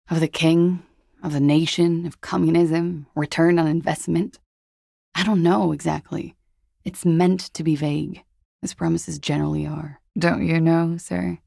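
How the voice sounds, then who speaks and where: Klaasje, husky, creaky, jaded flirt. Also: female voice, fairly low pitch, warm tone, dry recording, clean studio sound, exaggerated voice. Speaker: video game character. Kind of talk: video game dialogue.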